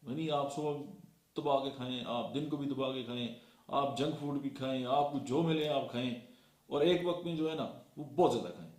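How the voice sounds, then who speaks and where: A man's voice: mid-range voice, moderate pace, darkish tone. A man from Pakistan giving a motivational talk, lecturing and counting off his points one by one with frequent fillers. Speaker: motivational speaker. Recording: echoey room.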